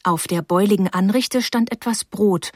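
An audiobook narrator, a woman with a mid-range voice, reads a first-person novel aloud in a steady, expressive storytelling style at a moderate pace. The recording is studio quality with no room sound.

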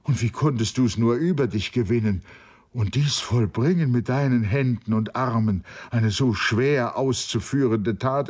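A man's voice: fairly low pitch, husky. A man voicing a sobbing, grieving young man. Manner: sobbing lament, solemn and formal.

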